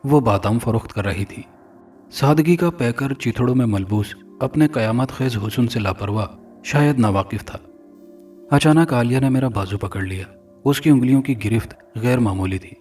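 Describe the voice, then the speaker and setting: A man reading a first-person horror story in a measured, dramatic way. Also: medium pitch, a little mellow. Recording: distant mic, faint music.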